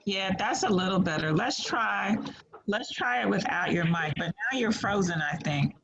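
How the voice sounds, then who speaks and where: A woman's voice: mid-range voice, animated, moderate pace. A woman teaching an online class on a video call, patiently encouraging students and sorting out audio trouble. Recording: slightly muffled call audio, faint noise.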